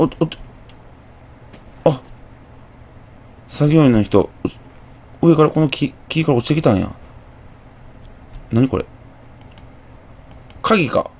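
Young man, Kansai accent, gravelly low voice, dark tone, muttering horror game commentary. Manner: chatty, muttering to himself, jumpy exclamations. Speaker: gameplay commentator.

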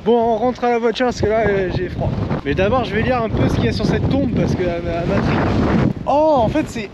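Filming himself on a snowy cape, a very high-voiced young vlogger excitedly tells "les gars" all about the place, straining to be heard above the strong wind. The arm's-length handheld camera picks up heavy wind noise, and the scene later shifts to a van at night.

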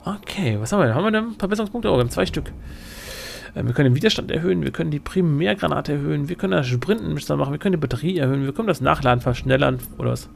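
A man's voice: a little high, animated, racing, vocal fry, a little hiss or hum. A man giving casual commentary as he plays a video game, reacting aloud and talking back to the characters. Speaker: gamer commenting on own play. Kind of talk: casual let's play commentary.

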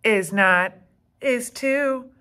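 A woman's voice: lowish voice, sing-song, slow, a bit bright, heavily acted. A woman reading aloud, voicing a stubborn, dramatic schoolgirl who pleads and whines. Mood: whiny. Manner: whiny, pleading.

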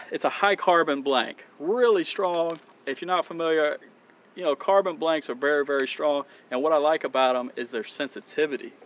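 A man in his thirties hosting a fishing channel, chatting eagerly to viewers as he unboxes gear on a dock. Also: fairly high pitch. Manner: enthusiastic, chatty, addresses viewers as guys. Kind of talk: casual product unboxing. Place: outdoors on a dock by open water.

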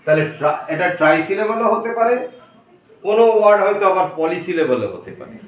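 A man teaching English grammar in a slow lesson, repeating words and spelling them out letter by letter. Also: sits high, animated, a bit bright. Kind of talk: slow classroom-style lesson. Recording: very echoey room, distant mic.

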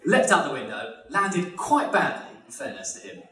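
A man tells comic history anecdotes, laughing often and putting on voices as he goes. His pitch sits a little high and leaps around with animation. The sound is roomy and picked up from some distance. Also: very animated, moderate pace, pushed and bright. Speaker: podcast guest telling history anecdotes. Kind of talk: comic storytelling.

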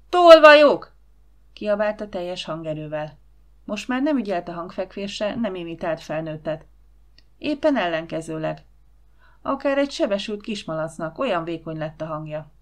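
A woman's voice: lowish voice, darkish tone. A woman reading an audiobook aloud, acting out the dialogue with shifting voices. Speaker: audiobook reader. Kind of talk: audiobook narration.

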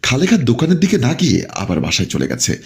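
A man's voice: mid-range voice, wildly swooping pitch, quick pace, vocal fry. A man narrating a story in a plain, matter-of-fact way.

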